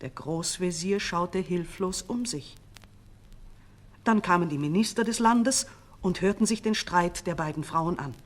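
A woman narrating a fairy tale in an expressive, dramatic storytelling manner. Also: fairly low pitch, measured pace.

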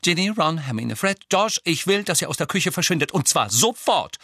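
Guy doing a high cracky mum voice, bossy and fussy, storybook style. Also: wildly swooping pitch, slow pace, slightly rough, dry recording, studio quality, heavily acted. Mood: upset. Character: shrill, flustered motherly woman, protective.

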